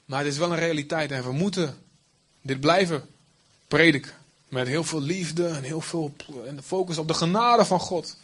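Man preaching, fairly high voice. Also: moderate pace, fairly bright tone, husky. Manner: explains the text in plain everyday speech, with asides and restarts. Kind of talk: sermon.

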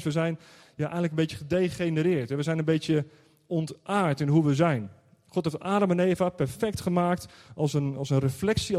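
A middle-aged man delivers a sermon in a loose, conversational way, tossing rhetorical questions at his congregation. His voice is fairly high for a man but mellow and warm in tone. A long reverb trails his words through the church hall. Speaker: preacher.

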